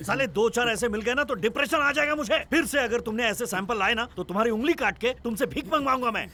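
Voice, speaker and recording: A man's voice: very high-pitched, quick pace, pushed and bright, full character voice. An actor playing a cruel, scornful male gang boss who threatens a captive. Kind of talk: film acting. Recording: film score under the voice.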